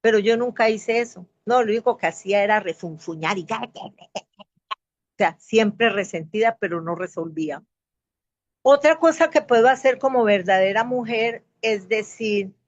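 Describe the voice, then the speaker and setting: A woman's voice: medium pitch, normal speed. A woman telling her own recovery story in an Alcoholics Anonymous-style talk. She speaks candidly and with feeling, and she acts out what other people said. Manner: candid, emotional, quoting others vividly. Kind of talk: personal testimony talk. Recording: slightly dull lo-fi sound.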